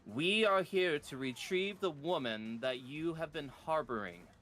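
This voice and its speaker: A man voicing a cold vampire woman who leads an undead army, speaking slowly and formally. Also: on the high side, lively intonation, a bit bright, faint music behind, pitched above the performer's own voice. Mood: menacing. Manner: slow, formal, issuing demands.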